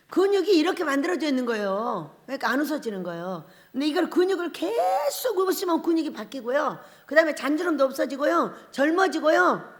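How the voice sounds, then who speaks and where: With a high voice, a female pastor preaches at a revival, full of energy. She keeps laughing as she poses questions to her congregation.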